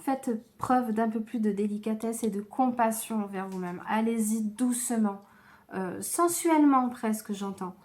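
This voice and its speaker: This woman is doing a tarot reading for viewers, her delivery soft and unhurried. Fatigue shows in her low energy and the many hesitations in her speech.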